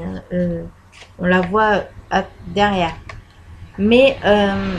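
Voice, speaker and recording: Slow, hesitant woman vlogger. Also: a little high, darkish tone, slight background noise, low-quality recording. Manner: hesitant, many fillers and pauses. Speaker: vlogger showing her postcard collection. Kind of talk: casual show-and-tell. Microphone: laptop built-in microphone.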